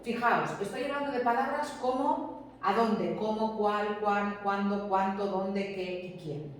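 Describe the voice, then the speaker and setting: A woman's voice: medium pitch, a little slow, slight background noise. A woman, a teacher giving a classroom lesson, explaining patiently and often checking that students follow. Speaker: Spanish teacher. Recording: very echoey room, distant mic.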